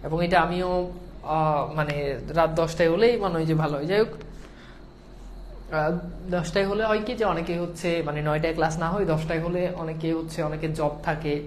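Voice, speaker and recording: A woman's voice: low voice, brisk, long pauses, slight background noise. A woman with a Bangladeshi Bengali accent teaching an online class, patient, repeating points and often checking whether students follow.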